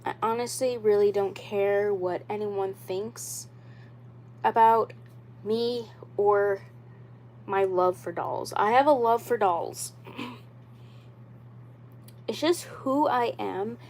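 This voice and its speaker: A doll YouTuber in her twenties speaks slowly in a mid-range, slightly mellow voice, pausing often, with slight background noise. In casual livestream talk about collecting dolls, she rambles and repeats herself, pressing her point earnestly and insistently with many "like" and "you know" fillers.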